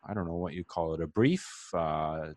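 A man's voice: low-pitched, normal speed, darkish tone, no echo. A man hosting a casual podcast, introducing things in a loose, friendly way with lots of fillers. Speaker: podcast host.

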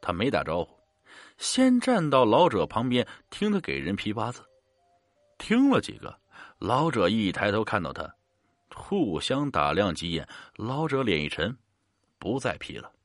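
A man narrating a ghost story in a relaxed, colloquial manner. His voice is husky, and his pitch rises and falls dramatically. The sound is dry and close to the mic. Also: no room sound. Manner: colloquial storytelling with drawn-out particles.

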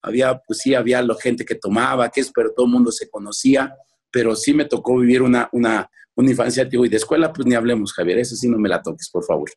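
A man with a Mexican accent, speaking at an ordinary pitch in a husky, slightly breathy voice. He is a former footballer telling stories in a relaxed interview. He rambles, restarts often and acts out his parents. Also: fast talker. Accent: Mexican Spanish. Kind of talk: casual interview storytelling.

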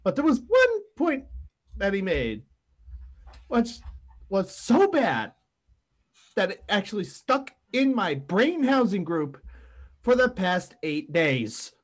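Animated male podcast host. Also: sits high, slow, long pauses. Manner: animated, amused storyteller. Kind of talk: casual chat.

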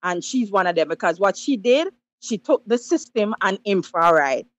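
A woman's voice: mid-range voice, animated, normal speed, no room sound. A Jamaican woman calling in to a talk show, giving emphatic, preachy advice in patois. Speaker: caller. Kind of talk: call-in radio commentary.

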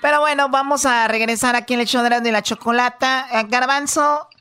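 A woman's voice: fairly high pitch, fairly even intonation, brisk, sharp tone, smooth, no echo. A woman hosting a comedy radio show, steering the talk with questions.

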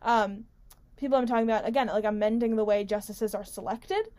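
Female political talk host, slightly high-pitched, conversational and opinionated, unscripted, emphatic, prone to interrupting herself. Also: a little fast, warm tone. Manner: rambling, self-interrupting, conversational, with emphatic stresses. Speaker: host of a weekly political talk radio show. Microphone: studio-style microphone pulled close, with squeaky stand.

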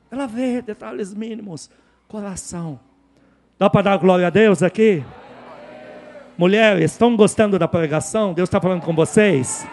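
A man preaching a sermon, emphatic and repetitive, dropping to hushed asides and then rising to loud, lively exhortation. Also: high-pitched. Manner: emphatic, repeats key words, swings from hushed to loud. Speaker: pastor.

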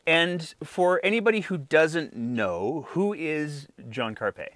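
A man's voice: a little high, expressive, takes it slowly, a bit bright, no room sound, clean studio sound. A man hosting an interview podcast, speaking carefully with many fillers and hedges. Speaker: podcast host. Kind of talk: interview podcast, scripted intro.

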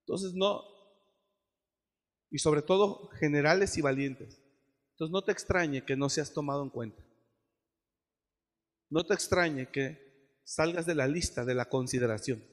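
A man preaching a sermon as pastor, acting out quotes and rising to shouted peaks. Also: on the high side, measured pace, long pauses. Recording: long hall reverb.

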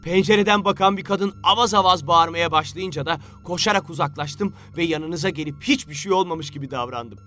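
A man's voice: a little high, brisk, hardly any pauses, pushed and bright, faint music behind. A man voicing a smug, mischievous young man who teases and mocks his friends. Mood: playfully defiant. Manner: teasing and playful.

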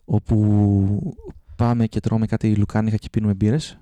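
A Greek man on a casual podcast, telling a long story and jumping into high, excited voices for each character. His voice is dark and mellow, recorded close in a dry room. He stumbles and restarts as he goes. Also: dry recording. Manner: animated storyteller, acts out voices with high pitch jumps; halting, many restarts. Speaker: podcast co-host.

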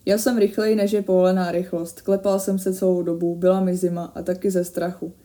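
A woman reading a first-person horror story aloud in a steady, measured way that grows tense at the scary moments. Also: on the low side.

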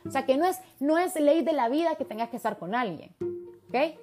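A woman's voice: high voice, animated, brisk. Chatty woman giving relationship advice. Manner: chatty, emphatic, acts out quoted voices, calls listener "mija". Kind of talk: casual advice monologue. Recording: soft music in background.

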